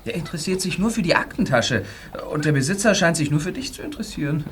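A man's voice: a little high, lively intonation, fast talker, fairly bright tone, a little hiss or hum. An actor playing a teasing teenage boy sidekick with dry humor. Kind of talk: radio play acting.

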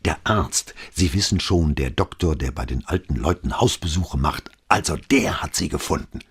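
A man's voice: extremely low pitch, animated, moderate pace, breathy edge, full character voice. A man reading the part of a gossipy male newsagent in an audiobook, gloating and conspiratorial as he relays bad news. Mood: gossiping. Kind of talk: audiobook dialogue.

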